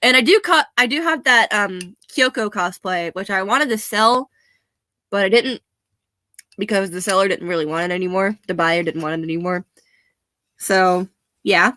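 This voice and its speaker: A young woman, a bit hoarse, chatting casually and laughing often as she rambles. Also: mid-range voice, normal speed, bright, forceful tone, no room sound. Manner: chatty, laughs often, self-deprecating asides. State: slightly hoarse.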